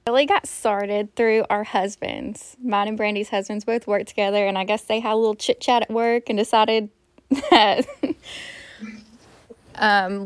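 A woman's voice: mid-range voice, a bit bright, dry recording. Casting: woman co-host, rambling storyteller with many "like"s, dry, close sound. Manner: storytelling, heavy use of "like". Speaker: podcast co-host. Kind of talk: casual chat.

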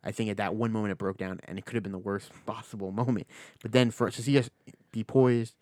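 A man's voice: fairly low pitch, steady tone, fast talker, darkish tone, no room sound, clean studio sound. A man co-hosting a podcast, discussing sports in a casual, conversational way. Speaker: podcast co-host.

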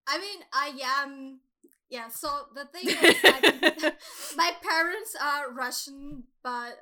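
A woman's voice: high voice, slow, sharp tone. A woman from Germany with a German accent, explaining at length in casual podcast chat, trailing off with fillers.

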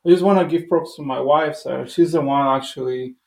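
A man's voice: a little high, fairly quick, creaky, darkish tone, echoey room. A man from Costa Rica, a musician guest, talking loosely and eagerly in a casual interview. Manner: loose and enthusiastic, full of "like" and "dude".

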